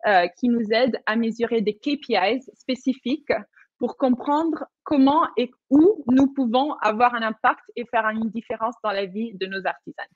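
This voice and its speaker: This panel guest, a young social entrepreneur from Madagascar, speaks at a moderate pace in a voice on the high side during an online panel talk held by video call. Searching for words, she hesitates and leans on plenty of fillers. The lo-fi recording sounds dull and has no room sound.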